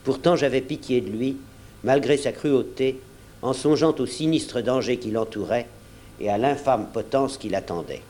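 A man narrating an audiobook in a measured storytelling manner. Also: medium pitch, darkish tone, a little hiss or hum. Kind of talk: scripted narration.

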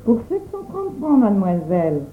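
A woman's voice: mid-range voice, wildly swooping pitch, moderate pace, a little hiss or hum. A woman reading aloud voices a greedy, fawning middle-aged shopkeeper with an eager, overly polite manner. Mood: smooth. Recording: tinny phone-like sound.

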